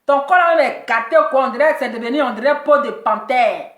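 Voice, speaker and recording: High-voiced woman in a teasing gossip rant. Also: brisk, echoey room. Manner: teasing, laughing, repeats her jabs. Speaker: commentator reacting to celebrity gossip. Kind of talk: mocking gossip commentary.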